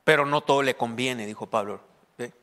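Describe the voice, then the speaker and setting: A pastor teaching a sermon to his congregation, halting and repeating words, often checking whether they follow. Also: medium pitch, a bit bright. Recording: long hall reverb.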